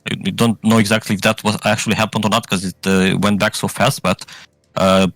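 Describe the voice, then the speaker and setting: A man's voice: on the low side, level tone, a little fast, fairly bright tone, dry recording. A man narrating a tabletop role-playing game as game master, improvising and often searching for his words.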